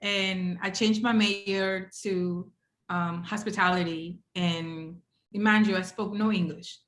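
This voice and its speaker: A woman from Ecuador, a native Spanish speaker with an Ecuadorian accent, appears as a podcast guest and works as a hotel housekeeping director. She tells her story conversationally and animatedly in a medium-pitched, fairly bright voice, keeping a steady tone at a slow pace. The recording sounds roomy and echoey.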